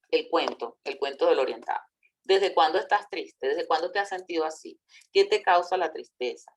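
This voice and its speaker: A woman with a fairly low voice gives a relaxed recorded lecture on counseling. She talks it through conversationally, with fillers and small self-corrections, and keeps checking that her listeners follow. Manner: explanatory, reads out example dialogue, checks in with listeners.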